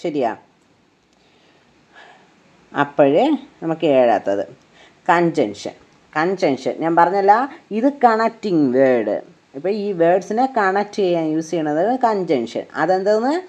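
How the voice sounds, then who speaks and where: A woman's voice: on the low side, animated, a little mellow. A woman teaching English grammar, explaining step by step and often asking if the listener has understood. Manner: checks understanding with frequent rhetorical questions; slow, patient step-by-step explaining. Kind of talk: grammar lesson explained in Malayalam. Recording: dull lo-fi recording.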